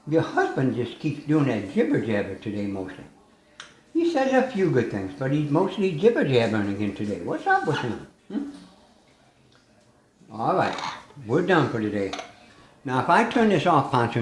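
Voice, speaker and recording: A man's voice: a little high, slight background noise. A man coaxing his pet parrots to talk at home, in a doting, teasing, sing-song way. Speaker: parrot owner. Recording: echoey room recording.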